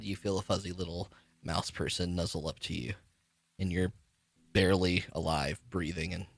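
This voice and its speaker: Game master, male, bright and a touch low, halting narration with fillers. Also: dry recording.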